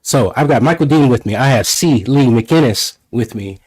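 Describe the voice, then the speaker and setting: A man's voice: mid-range voice, animated, normal speed, darkish tone, breathy edge, rough recording. Man guest-hosting a casual music talk stream, easygoing and chatty. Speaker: fill-in host. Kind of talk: casual podcast chat.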